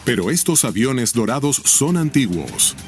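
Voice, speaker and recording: This scripted documentary narration, in the manner of a nature film, has a man speaking a little slowly with big pitch swings in a mid-range voice. He is dramatic and intriguing, often asking questions, with music playing underneath.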